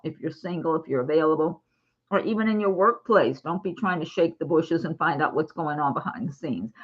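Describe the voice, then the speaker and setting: A woman giving a chatty, casual tarot reading to her viewers, reassuring and quick to giggle. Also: low voice, breathy edge, highs cut off. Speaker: tarot reader.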